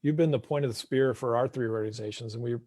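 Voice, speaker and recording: Mellow-voiced male host on a video call. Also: mid-range voice, quick pace, no echo. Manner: friendly, thanks guests, reads audience questions. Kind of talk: casual video call chat.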